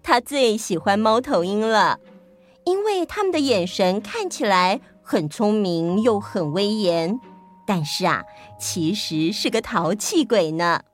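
A woman stand-in host telling a children's story in a gentle, even way. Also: mid-range voice, unhurried, soft background music.

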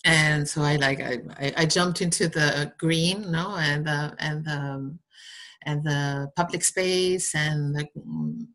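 Female interviewee, deep-register voice, Basque Spanish accent, conversational, searching for words and adding little tag questions. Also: animated, a bit bright. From Basque Country, Spain. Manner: halting, rambling, tags phrases with "no?". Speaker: interview guest, entrepreneur. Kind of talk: casual conversational interview answers.

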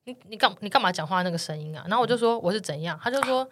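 Fast-talking Taiwanese woman telling a spooky story. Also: mid-range voice. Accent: Taiwanese Mandarin. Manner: animated, swears when telling the scary parts. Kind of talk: casual storytelling chat.

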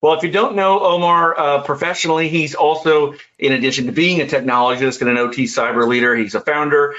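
A man's voice: a little high, steady tone, brisk, a bit bright, highs cut off. A man hosting a podcast, interviewing a guest with frequent fillers and restarts. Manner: hesitant, many fillers and restarts. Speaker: podcast host. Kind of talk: interview conversation.

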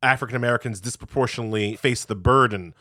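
A man with a mid-pitched voice hosts an interview, thinking his question through and rephrasing it as he talks. He is recorded dry and close. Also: fast, pushed and bright, no echo. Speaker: interview host.

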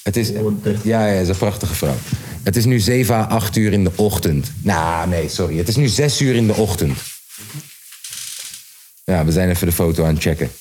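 A young man telling a party story to friends in casual chat, animated and slangy, acting out quotes and restarting his sentences. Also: low voice, normal speed, slight background noise.

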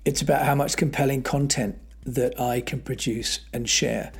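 A man with a husky, slightly breathy voice at an ordinary middle pitch, speaking on his own podcast. He talks in a loose, conversational way, dropping in "uh"s and restarting phrases as he goes. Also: steady tone, moderate pace. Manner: conversational, with frequent fillers and restarts. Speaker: podcast host. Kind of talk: solo podcast monologue.

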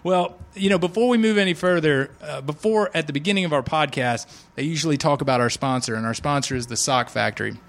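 Here the forty-something sports podcast host talks fast with hardly a pause, his voice a little high and edged with vocal fry. The chat is casual and full of jokes, with frequent sentence restarts.

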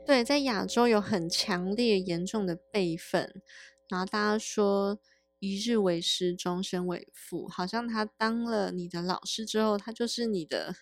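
A woman from Taiwan, chatting casually, tossing in quick witty remarks and thoughtful explanations. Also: mid-range voice, dry recording. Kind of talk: casual chat.

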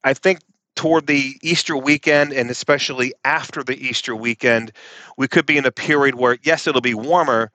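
Measured man forecaster. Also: medium pitch, fairly even intonation, pushed and bright, no echo. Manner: measured, explanatory. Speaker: weather forecaster guest. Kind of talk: interview answers.

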